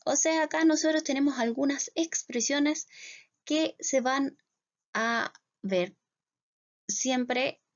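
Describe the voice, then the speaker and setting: A Chilean woman teaching an English grammar lesson. Her voice sits fairly high, and she keeps asking her students whether they follow, drawing the English words out slowly. The recording is dull and lo-fi. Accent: Chilean Spanish. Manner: patient, repeats "¿cierto?" to check understanding. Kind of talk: classroom lesson explaining grammar. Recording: dull lo-fi sound.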